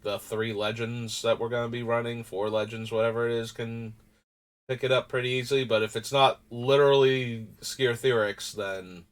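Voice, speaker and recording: Stuffed up from a runny nose, a streamer with a medium-pitched, slightly bright voice chats casually on his live stream. He rambles and thinks out loud as he puts together a card game deck.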